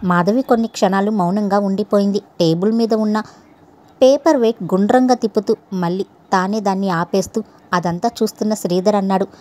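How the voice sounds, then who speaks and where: A woman narrating a serialized story in steady, even tones. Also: medium pitch, fairly quick. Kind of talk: scripted narration.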